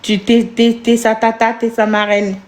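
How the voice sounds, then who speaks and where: A woman live streaming in casual chat, cooing doting baby talk and breaking into wailing, sob-like high notes. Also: little pitch movement, normal speed, reverberant.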